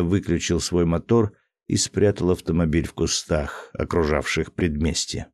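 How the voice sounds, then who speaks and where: Male narrator, very low voice, measured even reading, dry studio sound, scripted narration. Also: dry recording. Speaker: audiobook narrator.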